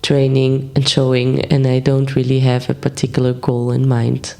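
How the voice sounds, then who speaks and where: Relaxed gravelly woman in her thirties. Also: extremely low pitch, moderate pace. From Belgium. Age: 30s. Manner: relaxed, many fillers, laughs often. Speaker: horse trainer, guest. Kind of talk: casual interview.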